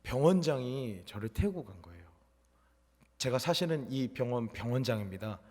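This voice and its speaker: A man's voice: mid-range voice, sing-song, moderate pace. Young male junior pastor, personal-testimony sermon, big dynamic swings, long church reverb. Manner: storytelling testimony, swinging between loud and hushed. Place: church sanctuary.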